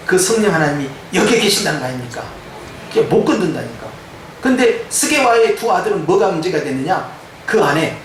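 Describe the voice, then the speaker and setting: A male pastor delivering a lively sermon, acting out voices he quotes, with a touch of Jeolla dialect. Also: high voice, a little hiss or hum. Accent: Korean, some Jeolla dialect. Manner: animated preaching, mimicking quoted voices. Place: church sanctuary. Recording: echoey church hall from far off.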